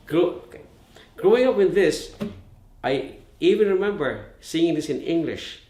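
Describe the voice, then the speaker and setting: A man with a Visayan Filipino accent talks informally about music as a guitarist, haltingly searching for words. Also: a little high, animated, darkish tone. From Leyte, Philippines. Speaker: guitarist and arranger. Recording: roomy, echoing sound.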